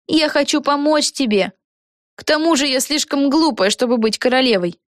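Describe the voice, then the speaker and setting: A woman's voice: high voice, moderate pace, no room sound, clean studio sound, pitched above the performer's own voice, natural voice. A woman voicing a kind young girl witch who doubts herself, speaking modestly in a storybook reading. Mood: doubtful. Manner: modest, hesitant.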